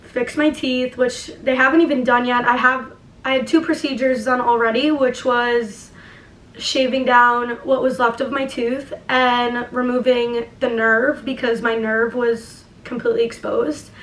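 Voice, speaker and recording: A woman's voice: a little high, flat delivery, unhurried, a bit bright. A young woman with a lisp tells a personal story casually and emphatically, swearing and saying "like" a lot, talking through a sore jaw that barely opens. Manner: emphatic, swearing, heavy use of "like". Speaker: vlogger. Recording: echoey room, distant microphone.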